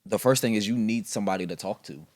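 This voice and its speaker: A man's voice: lowish voice, fast talker, no echo, studio quality. A man co-hosting a casual podcast discussion, explaining his views in a thoughtful way with fillers. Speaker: podcast co-host.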